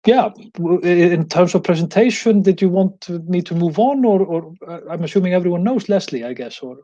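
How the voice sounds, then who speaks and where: Icelandic-born male professor, mellow tone, muffled video-call sound. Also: sits high, animated, normal speed. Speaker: guest professor. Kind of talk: academic presentation.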